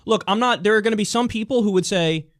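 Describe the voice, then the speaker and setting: A man's voice: high voice, fast, dry recording, studio quality. A man hosting a political commentary show, delivering a heated, blunt, profane solo rant.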